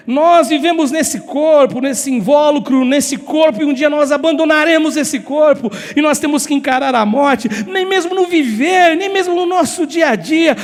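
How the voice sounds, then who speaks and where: A man with a Brazilian Portuguese accent preaching a passionate sermon as pastor, repeating phrases and rising to shouts. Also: extremely high pitch. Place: church hall. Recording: long hall reverb.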